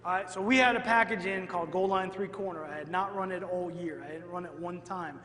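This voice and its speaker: A man, a football coach, giving an energetic clinic talk to an audience and often asking "all right?" as he goes. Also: high-pitched, fairly quick. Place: large hall at a clinic. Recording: echoey hall, long reverb.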